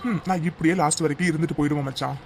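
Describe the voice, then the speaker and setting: A man voicing a heartbroken young man who calmly refuses to move on, in a cartoon love story. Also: a little high, very fast, vocal fry, slight background noise. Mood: resigned. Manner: subdued, resigned. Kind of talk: cartoon voice acting.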